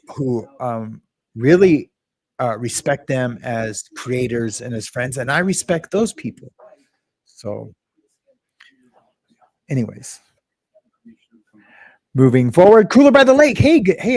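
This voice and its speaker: A man's voice: fairly high pitch, a little mellow, no room sound. A man hosting a casual livestream, rambling and restarting, greeting viewers from the chat. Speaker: livestream host.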